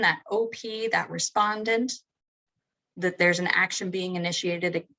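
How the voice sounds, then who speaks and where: A woman's voice: mid-range voice, bright, forceful tone, poor audio. A woman presenting a webinar, methodically defining legal terms one after another. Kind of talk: webinar lesson.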